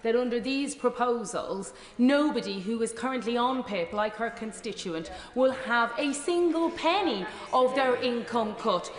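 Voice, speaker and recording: A woman's voice: a little high, expressive, measured pace, few pauses. A woman member of parliament making a pointed, challenging formal intervention in a debate. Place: large indoor parliamentary chamber. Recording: echoey, reverberant chamber.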